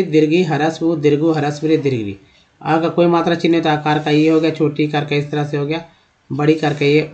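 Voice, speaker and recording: Male teacher with a fairly high voice, patient step-by-step explainer, muffled lo-fi audio. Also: a little mellow. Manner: repeats questions and answers them himself, addresses viewers as friends. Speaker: English teacher. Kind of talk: explanatory lesson. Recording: dull lo-fi sound.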